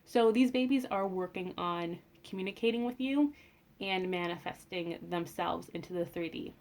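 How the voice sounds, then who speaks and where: A woman giving a tarot reading in a casual, gentle and reassuring way, with frequent fillers and restarts. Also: lowish voice, moderate pace. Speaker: tarot reader.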